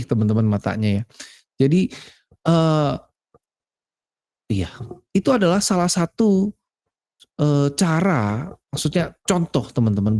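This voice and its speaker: A man's voice: a little high, mellow. A young man from Indonesia giving a chatty, conversational sermon to a youth community, mixing in slang and English words. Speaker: preacher. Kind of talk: casual sermon.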